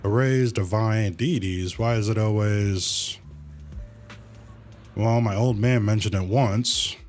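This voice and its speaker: Slow-paced and darkish in tone, a man's lowish voice carries over slight background noise as he streams a game. He casually comments, reads dialogue aloud in a laid-back, colloquial fashion and mutters to himself.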